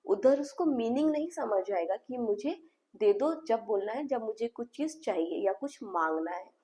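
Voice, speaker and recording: A woman's voice: fairly high pitch, animated, moderate pace, mellow. A woman speech therapist explaining therapy to parents, mixing phrases into her talk and acting out the dialogue of a session.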